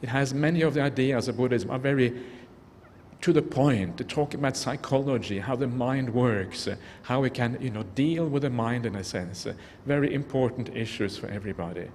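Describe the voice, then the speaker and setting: A man's voice: medium pitch, brisk, darkish tone. Reflective man giving a dharma talk in a reverberant hall. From Norway. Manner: earnest, reflective, speaks to the audience directly. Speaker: Buddhist monk giving a talk. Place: large convention hall. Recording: long hall reverb, faint background noise.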